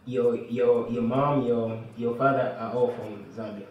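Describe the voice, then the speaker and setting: A man hosting an interview, asking questions in a halting way and repeating words. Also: medium pitch, fairly even intonation, distant mic, lo-fi sound. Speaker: radio show host. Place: small studio room, indoors. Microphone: studio mic with headphones. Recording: very echoey room, mic set back.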